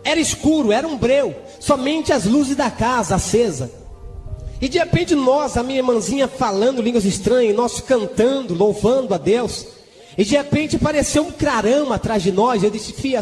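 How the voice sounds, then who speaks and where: A man preaching a testimony in church, telling his story fervently, with sudden shouted exclamations and bursts of tongues between sentences. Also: very high voice, animated, moderate pace. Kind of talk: sermon testimony. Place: church hall. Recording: echoey church hall with music behind.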